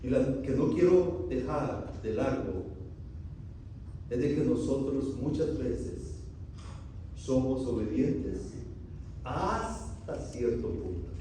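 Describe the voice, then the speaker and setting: A man preaching a sermon, asking the congregation loud rhetorical questions and then dropping to quiet, solemn lines. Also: mid-range voice, animated, slow, long pauses. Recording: very echoey, distant from the mic, faint room noise.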